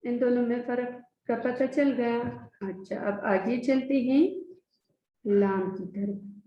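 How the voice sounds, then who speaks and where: Slow, drawling woman teacher. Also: on the high side, steady tone. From Pakistan. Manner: drawls out each letter name for children to repeat. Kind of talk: recorded lesson for young children. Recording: echoey, dull lo-fi recording.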